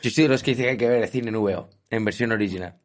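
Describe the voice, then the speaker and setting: Fast-talking Spanish man, casual banter. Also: on the low side. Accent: Peninsular Spanish. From Spain. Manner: fast, slangy, laughing anecdotes. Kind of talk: casual chat.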